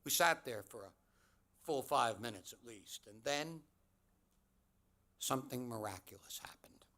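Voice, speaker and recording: A man giving a commencement address, telling a personal story in a measured, deliberate way with dramatic pauses. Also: medium pitch, animated, bright, forceful tone. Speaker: commencement speaker.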